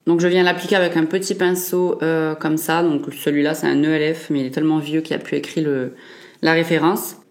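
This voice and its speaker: Her voice sits low and level, and she talks briskly. She's a young beauty vlogger casually reviewing makeup, peppering her talk with fillers and self-corrections.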